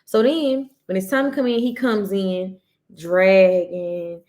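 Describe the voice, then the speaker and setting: A woman co-hosting a relaxed podcast. She speaks earnestly, at an everyday mid-range pitch, as she walks through a story about her son. She tends to back up and rephrase as she goes. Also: slow pace. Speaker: podcast co-host; mother. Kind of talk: casual storytelling chat.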